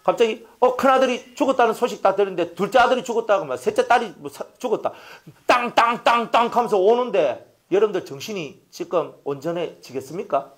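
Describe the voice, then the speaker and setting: A man's voice: sits high, lively intonation, brisk, hardly any pauses. A man with a Gyeongsang accent preaching a sermon as a pastor, emphatic and full of rhetorical questions. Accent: Gyeongsang Korean.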